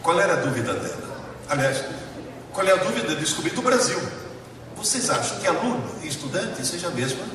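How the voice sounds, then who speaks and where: An Italian professor, native in Italian, speaks in a high, animated voice to a live audience in a large hall, with a crowd heard behind him. His motivational educational lecture is emphatic, marked by dramatic pauses and repetition, and the distant mic leaves it echoey and noisy.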